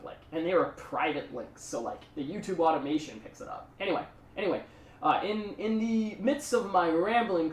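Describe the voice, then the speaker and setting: A man's voice: a little high, far from the mic, a little hiss or hum. Chatty male streamer in a roomy room. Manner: rambling, chatty, thanks subscribers. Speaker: streamer playing a card game. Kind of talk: casual live-stream commentary.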